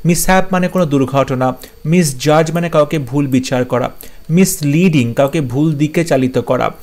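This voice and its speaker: Brisk Bengali-speaking man teaching vocabulary. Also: fairly high pitch, a little mellow. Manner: lists words and gives quick meanings, checks understanding. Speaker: English grammar teacher. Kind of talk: vocabulary lesson.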